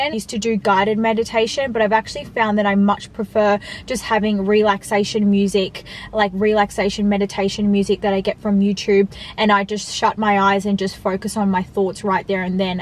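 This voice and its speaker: A woman's voice: mid-range voice, a little hiss or hum. A woman talking casually and emphatically to viewers in a vlog style while she eats. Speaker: online fitness coach and vlogger. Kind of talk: casual chat to viewers, mukbang Q&A.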